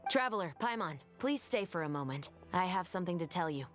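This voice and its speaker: A woman voicing a composed, justice-minded female officer in a video game, speaking in a calm, measured, matter-of-fact way. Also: on the low side, soft background music, natural voice. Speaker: investigator.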